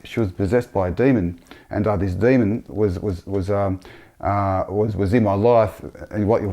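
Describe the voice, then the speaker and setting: A man sharing a personal religious testimony in a halting, earnest way, often repeating himself. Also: fairly low pitch, dark tone.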